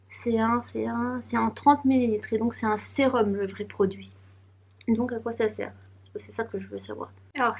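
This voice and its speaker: Young female vlogger, light higher voice, rambling casual chatter. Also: husky. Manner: chatty, giggly, rambling aloud while unboxing. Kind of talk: casual vlog chat.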